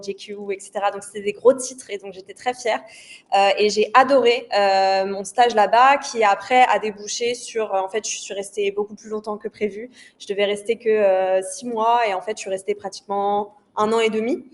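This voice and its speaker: A woman in her thirties, a freelance journalist and guest on a live-streamed interview, talking in a chatty way with fillers. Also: mid-range voice.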